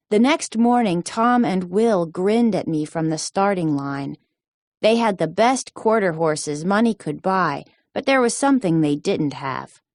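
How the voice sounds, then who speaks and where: A woman narrating a children's storybook in a slow, deliberate storytelling manner. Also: on the low side, no echo. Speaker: storybook reader.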